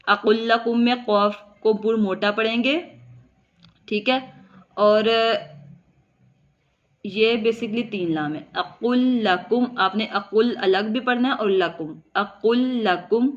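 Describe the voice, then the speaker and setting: A woman teaching tajweed. She explains each rule step by step and recites words slowly and drawn out. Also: medium pitch, fairly bright tone, dull audio. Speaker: Quran teacher. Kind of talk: tajweed lesson.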